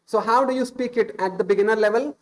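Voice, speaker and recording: Quick and high-voiced, an Indian-accented man in his thirties whose native tongue is Hindi hands out informal English-speaking advice on a stream. Nothing is scripted; he comes across as earnest, filling gaps with "uh" and fixing his own phrasing.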